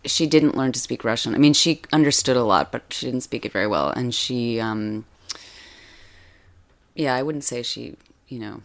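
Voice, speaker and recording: A woman with an unusually low-pitched voice talks through an interview at her own pace. She hesitates a lot, trails off and restarts her thoughts, leaning on "you know" and "um" as she goes. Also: moderate pace, vocal fry. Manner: hesitant, many fillers and restarts. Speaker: author guest. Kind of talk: casual interview chat.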